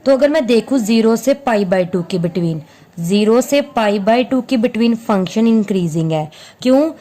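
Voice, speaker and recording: A woman's voice: on the high side, expressive, a little slow, mellow. A woman teaching a maths lesson, patiently explaining graphs, repeating her points and answering her own questions, mixing Hindi with English maths terms. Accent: Hindi-English mix with English maths terms.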